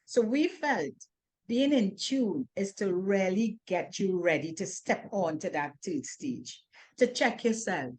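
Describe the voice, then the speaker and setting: A middle-aged woman co-hosts a casual talk show, speaking earnestly at a slow pace in an animated, medium-pitched voice with a darkish tone. She repeats words and acts out worries as if quoting them.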